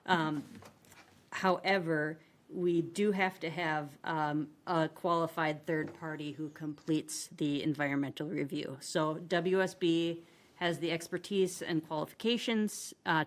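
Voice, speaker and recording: Low-voiced woman presenting council business. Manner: halting, many filler ums and restarts. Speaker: assistant city administrator. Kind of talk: presenting agenda items at a city council meeting.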